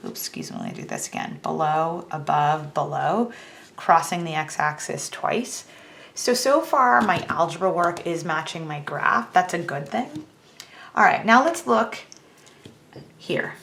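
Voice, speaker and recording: A woman's voice: deep voice, sing-song, measured pace, vocal fry, fairly bright tone. A woman teaching a math lesson, talking through each step on a calculator in a chatty, self-teasing way.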